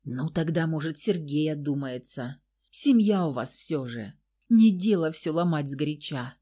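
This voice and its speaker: A worried older mother coaxes her daughter in soft, gentle pleas, voiced by a woman reading the story. The voice stays protective and tender. Her speech stays homely and simple. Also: low voice, lively intonation, unhurried. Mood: coaxing. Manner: coaxing, gentle pleading.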